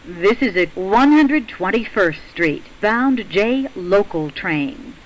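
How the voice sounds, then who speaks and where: High-pitched man, measured subway announcement. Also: expressive, poor audio. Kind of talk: scripted automated-style transit announcements. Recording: subway announcement with train noise behind. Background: faint train ambience.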